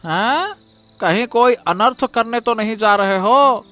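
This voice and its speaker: A woman's voice: fairly high pitch, slow, fairly bright tone, soft background music. A woman doing a suspicious village man. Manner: questioning, suspicious.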